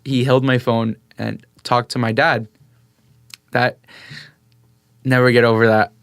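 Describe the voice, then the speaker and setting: Excitable young man telling a story. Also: mid-range voice, a little slow, creaky, clear, resonant tone, dry recording, clean studio sound, faint music behind. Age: young adult. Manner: animated, excitable storyteller, acts out quotes. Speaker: podcast guest. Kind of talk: casual storytelling chat.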